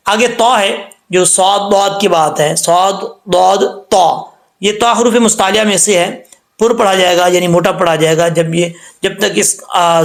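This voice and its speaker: A man with a notably high voice leads a recitation lesson, speaking with a lilt. He goes over each rule again and again in a patient, teacherly way. When he demonstrates a sound, he stretches it out slowly. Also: gravelly. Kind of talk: tajweed lesson.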